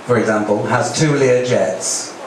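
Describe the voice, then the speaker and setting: A man's voice: medium pitch, unhurried. A man performing as a campy drag queen host, doing teasing stand-up patter with the audience. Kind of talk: live stand-up comedy patter with audience banter. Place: live cabaret stage in a music cafe. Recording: echoey live venue, distant mic, loud crowd noise. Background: loud audience noise and laughter.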